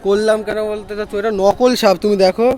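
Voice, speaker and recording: A man's voice: high voice, little pitch movement, fast, music in the background, a crowd in the background. A man vlogging casually outdoors who keeps repeating himself insistently. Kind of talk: casual vlog chat.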